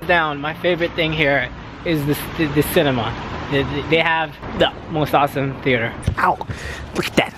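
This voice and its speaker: A man's voice: on the high side, fairly even intonation, normal speed, noisy background. A man casually hosting a travel vlog outdoors, joking and laughing as he goes. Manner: jokey, laughing, playful. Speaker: travel vlogger.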